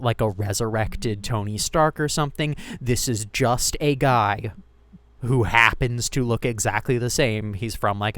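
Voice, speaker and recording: A man in casual streaming chat, talking in a middle pitch and rambling with lots of filler words. He swears offhandedly. The sound is dry and close. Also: clear, resonant tone, no room sound.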